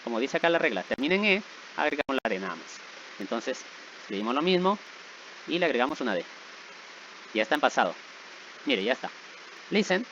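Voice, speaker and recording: A man's voice: fairly high pitch, very animated, a little fast, gravelly, long pauses, fairly bright tone, a little hiss or hum. Patient man teaching, slightly dull recording. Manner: patient, repeats checks like "¿verdad?" and "¿sí?". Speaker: English teacher. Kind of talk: explaining grammar rules.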